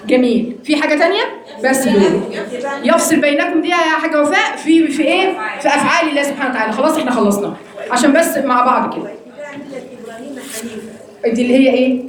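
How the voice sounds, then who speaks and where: A woman with an Egyptian accent teaching an interactive Quran study lesson, quizzing her students in a quick, teasing way. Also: high voice, animated, heavy reverb, crowd noise. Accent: Egyptian Arabic.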